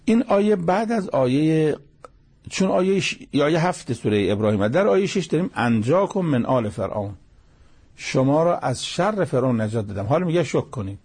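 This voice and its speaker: Guy explaining scripture verse by verse, gravelly mellow voice, keeps repeating the key bits. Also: fairly high pitch, expressive. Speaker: Quran commentator. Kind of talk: religious commentary lesson.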